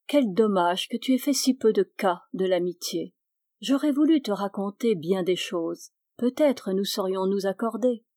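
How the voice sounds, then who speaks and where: A woman with a French accent narrates a literary novel in a measured, unhurried way. Her voice is mellow and warm, and the recording is close and dry with no room sound. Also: mid-range voice, dry recording. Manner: measured, calm storytelling. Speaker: audiobook reader.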